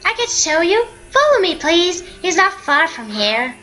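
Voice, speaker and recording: A courteous old rat gentleman in a video game, gentle and old-fashioned in his politeness, as a woman voices him. The voice sits high and bright. He speaks slowly and with care. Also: sing-song, heavily acted. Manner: courtly, addresses her as my lady.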